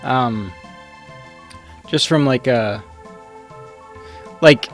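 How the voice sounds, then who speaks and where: A man's voice: mid-range voice, drawn-out words, faint music behind. A man giving casual, rambling live commentary as he plays a video game, thinking aloud.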